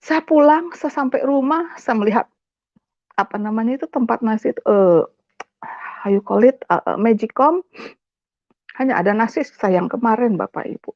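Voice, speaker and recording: A woman's voice: fairly high pitch, moderate pace, pauses often, no echo, muffled recording. A woman telling her personal testimony to a congregation in an earnest, direct way, often addressing her listeners and slipping in English words. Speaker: testimony speaker.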